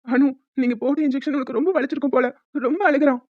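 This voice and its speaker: A woman voicing a soft-hearted young father in a cartoon, fretful and doting. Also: high-pitched, fairly even intonation, very fast, no echo, narrow, tinny audio, natural voice. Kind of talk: cartoon voice acting.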